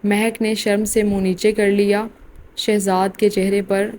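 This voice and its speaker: A woman narrating a romance novel aloud in a steady, even reading manner. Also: medium pitch, slight background noise. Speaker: audiobook narrator.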